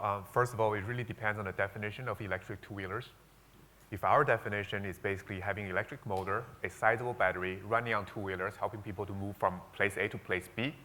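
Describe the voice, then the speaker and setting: A man, an investor on a conference panel, explains his view hesitantly, with many fillers and restarts. His voice is lowish and bright, with a forceful tone.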